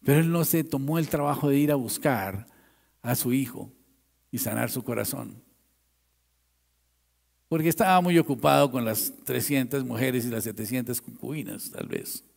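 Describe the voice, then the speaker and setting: Gravelly pastor preaching a dramatic sermon. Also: male voice, mid-range voice, normal speed, in a large hall. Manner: dramatic storytelling, swinging from loud to hushed.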